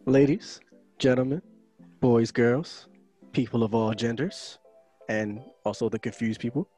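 A man hosting a casual podcast in a mid-range voice, opening with a loose, joking welcome. Faint music sits low behind him. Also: steady tone, measured pace, warm tone. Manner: opens the show with a loose comic welcome. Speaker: podcast host.

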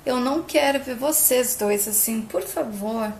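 A woman voicing a young female patient who keeps reassuring her family through tears, with a gravelly, pleading way of speaking. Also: on the high side, unhurried, darkish tone, slight background noise. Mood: tearful, pleading. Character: adult female patient, tearful and brave.

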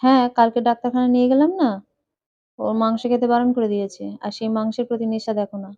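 A woman's voice: on the high side, fairly even intonation, fast, lo-fi sound, lightly acted. A woman doing a scolding old mother-in-law.

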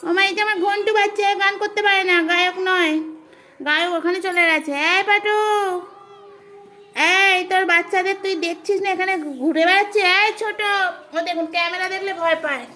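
High, bright woman cooing to cats. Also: steady tone, brisk. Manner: coaxing baby talk to her cats. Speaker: cat owner and vlogger. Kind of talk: casual pet vlog, talking to viewers and cats. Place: home, among her cats.

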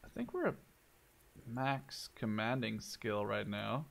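A creaky, lowish voice, very animated yet slow, belongs to a Canada-based Dutchman in his twenties. He hosts gaming videos and here thinks aloud over gameplay indoors, informal and full of swearing.

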